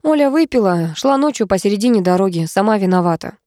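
A woman's voice: medium pitch, lively intonation, fast, warm tone, no room sound, studio quality, lightly acted. Woman playing a weary middle-aged woman. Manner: tired, sighing, level.

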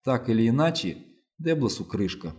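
A composed man in an audiobook who speaks softly and gently, close to the reader's own voice, as a male narrator reads him. His pitch sits in the middle for a man. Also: sing-song, normal speed, natural voice. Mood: gentle. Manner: soft, composed. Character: calm, gentle rich man, a friend. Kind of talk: audiobook reading.

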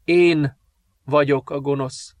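A man's voice: on the high side, fairly even intonation, fairly bright tone, no echo, voice pushed up. A man voicing a young princess in the pain of childbirth, pleading and anguished, in a storybook reading. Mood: broken. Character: desperate young princess in labor.

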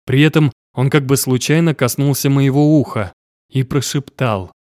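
Brief: male audiobook narrator, mid pitch, slow measured reading, dry close mic. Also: steady tone, dark tone, no echo. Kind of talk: first-person audiobook narration.

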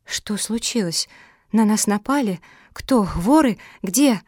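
A woman's voice: medium pitch, unhurried, a little mellow, no room sound, natural voice. A timid, tearful dog sister, put on by a woman reading aloud. She frets and quavers, always near to sobbing. The recording is close and dry. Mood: frightened.

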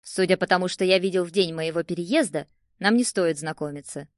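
A woman voicing a calm, self-assured young male neighbor in an audiobook, speaking evenly and confidently. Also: lowish voice, fairly quick, dry recording, clean studio sound, pitched below the performer's own voice, natural voice.

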